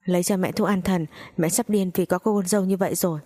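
A woman's voice: lowish voice, steady tone, fast talker, dark tone, natural voice. A woman doing a sneering old mother-in-law. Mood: indignant. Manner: sneering, scolding.

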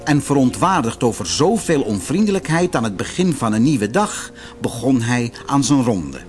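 A man reading a fairy-tale audiobook in an expressive, theatrical storytelling manner. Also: medium pitch, moderate pace, faint music behind. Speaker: narrator.

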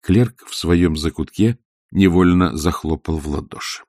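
A man narrating a story with expressive storytelling. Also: low-pitched, measured pace, no echo, studio quality. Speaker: audiobook narrator. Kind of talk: scripted narration.

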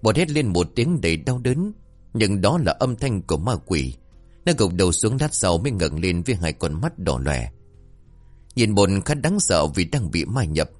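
A man narrating a scripted horror-comedy story in a lively, dramatic way. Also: low-pitched, normal speed, dry recording, faint music behind.

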